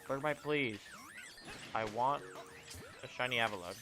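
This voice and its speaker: A twenty-year-old streamer talks a little slowly at a medium pitch while playing a game over music. Casual and rambling, he corrects himself and answers chat as he goes.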